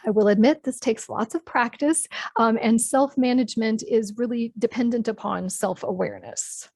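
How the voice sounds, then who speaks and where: A woman's voice: on the high side, normal speed, a little mellow, no room sound. A woman presenting an online training workshop, explaining ideas in a candid, personal way. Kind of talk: live online training talk.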